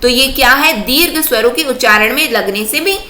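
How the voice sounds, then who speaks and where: A woman's voice: sits high, normal speed, bright, forceful tone, roomy sound, a little hiss or hum. An Indian woman teaching a grammar lesson for exam prep, asking questions and answering them herself while drilling sounds aloud.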